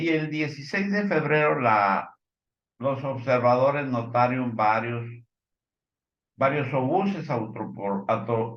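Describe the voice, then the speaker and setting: Speaking at a medium pitch, a Mexican-accented man comments informally on the news, reading parts from reports. His delivery is hesitant and halting, full of fillers and stumbles. The audio is lo-fi with a roomy sound.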